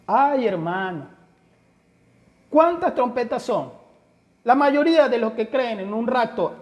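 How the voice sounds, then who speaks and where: A Bible teacher giving a study lecture, emphatic and full of rhetorical questions, often addressing listeners as brother. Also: medium pitch. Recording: long hall reverb.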